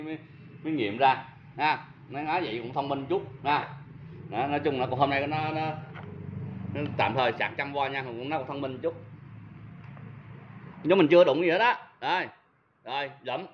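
A man's voice: medium pitch, highs cut off, slight background noise. A man with a southern Vietnamese accent, a seller of used power tools, giving a casual product demo and talking straight to his viewers in a chatty, self-mocking way.

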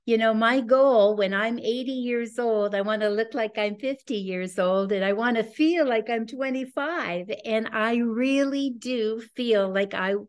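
A woman's voice: fairly high pitch, unhurried, hardly any pauses. Woman, 60s, webinar presenter, enthusiastic, earnest, video call audio. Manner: earnest, enthusiastic, personal testimonial. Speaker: presenter of a business opportunity. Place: home room with a scenic backdrop, indoors. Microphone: video call webcam.

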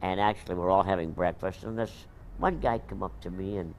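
A man's voice: low-pitched, fairly quick, a little hiss or hum. A man telling an anecdote as an interviewee.

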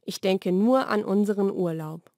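A woman narrates vocabulary for a language lesson, reading single words and then example sentences from a script. Her mid-range voice is warm, and her enunciation is measured and deliberate. The recording is very dry, with no echo, like a studio voice-over.

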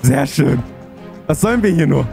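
High-voiced man playing a horror game. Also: expressive, normal speed, vocal fry, warm tone. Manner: chatty, talks himself through puzzles, easily spooked. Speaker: let's play gamer. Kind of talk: let's play commentary. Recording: voice over game music.

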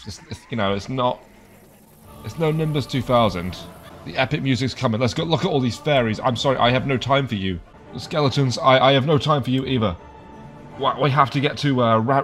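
A man's voice: mid-range voice, a little fast, a bit bright, faint music behind. A man giving playful, improvised gameplay commentary in a jokey, mock-dramatic manner. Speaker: gaming host.

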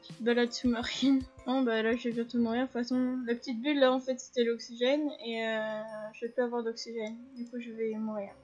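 Female gaming host, a touch high-pitched, casual and chatty commentary over quiet game music. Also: flat delivery, brisk, hardly any pauses. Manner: chatty, explains controls to viewers, frequent fillers. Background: faint game music.

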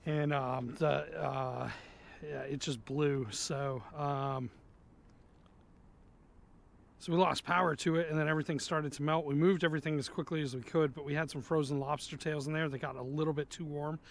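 This fishing vlog was recorded outdoors on a pier above an inlet with a head-mounted action camera, the man talking casually and muttering to himself. He speaks at a normal speed in a gravelly, higher-leaning voice with a steady tone. There's slight background noise.

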